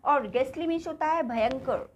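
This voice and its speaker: A woman's voice: high voice, normal speed. A woman with an Indian accent teaching spoken English, patiently repeating words and asking her class questions.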